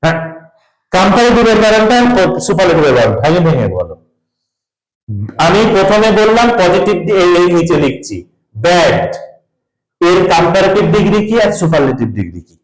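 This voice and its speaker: A man teaching a grammar class, his voice sitting a little high. He quizzes his students and has them spell words back, his delivery rising and falling with lots of movement. The room around him is roomy and echoey. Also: very animated, normal speed, faint music behind. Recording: roomy echo.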